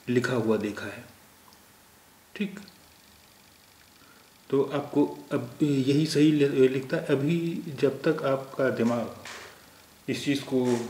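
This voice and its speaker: A man from India teaching a language lesson, explaining patiently and pausing often to think aloud. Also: medium pitch, darkish tone. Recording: roomy echo, faint background noise.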